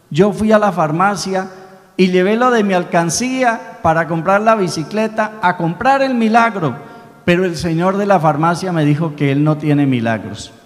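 Brief: earnest little boy, high pleading voice, Santander accent, a priest putting him on in a sermon, church echo. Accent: Colombian Santander.

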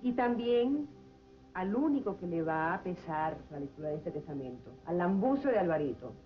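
An actress with a Venezuelan accent playing a commanding, sharp-tongued head of household in a telenovela. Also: female voice, on the low side, expressive, normal speed, close to an everyday voice. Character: domineering woman head of household. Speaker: Eva, family matriarch. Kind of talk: 1990s telenovela acting. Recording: dull lo-fi TV audio with music.

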